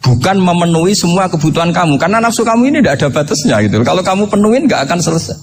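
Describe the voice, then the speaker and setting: An Islamic preacher from Indonesia with a Javanese accent gives an informal sermon built on humorous stories, joking conversationally and frequently asking rhetorical questions. His high voice races along with lively intonation.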